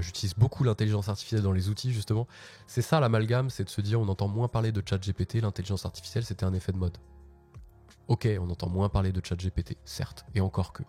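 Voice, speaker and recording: Male host, low voice, mellow tone, chatty and slangy, casual tech walkthrough. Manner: chatty, slangy, restarts often. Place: office.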